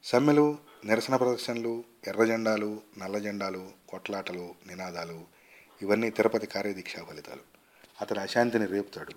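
A man with a low voice reads a short story aloud. He tells it in a measured, expressive way, lingering on lists and turns of the tale. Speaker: story reader.

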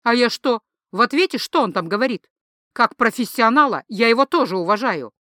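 A woman's voice: fairly high pitch, animated, a little fast, bright, forceful tone, no echo, studio quality. A woman reading an audiobook, voicing a blunt, exasperated young woman.

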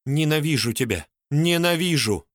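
A man's voice: animated, measured pace, no room sound, clean studio sound. A man voicing a tearful, hysterical young woman who sobs and screams. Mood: screaming angrily. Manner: sobbing, shrill screaming.

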